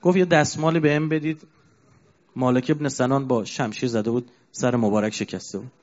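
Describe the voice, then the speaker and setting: A man's voice: medium pitch, fairly even intonation, darkish tone. Grieving male preacher, lo-fi recording. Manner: grieving storyteller, chants verses slowly. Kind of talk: mourning sermon narration. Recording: dull lo-fi recording.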